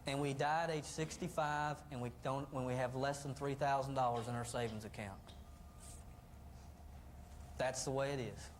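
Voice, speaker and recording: A man giving a folksy, animated motivational talk to a live audience in a room, acting out the voices of the people he describes. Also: mid-range voice, normal speed, pauses often, slight background noise. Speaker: motivational speaker.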